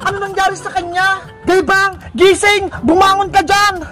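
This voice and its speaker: A woman voicing a loud, blunt cartoon boy who teases his friend. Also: extremely high pitch, little pitch movement, moderate pace. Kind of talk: cartoon voice acting. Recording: music in the background.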